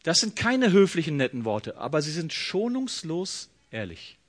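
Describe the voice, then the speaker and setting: A man's voice: on the high side, moderate pace. A man preaching a sermon, speaking straight to the listener and acting out quoted prayers with feeling. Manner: expressive, acts out quoted voices, direct address. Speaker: pastor.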